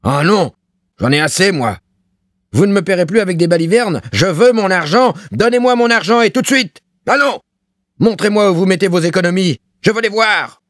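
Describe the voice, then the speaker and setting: A man's voice: medium pitch, expressive, takes it slowly, long pauses, dry recording, studio quality, voice pushed up. Man doing a roaring, bullying landlord. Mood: furious. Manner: roaring, demanding. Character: gruff bullying male landlord, loud and coarse.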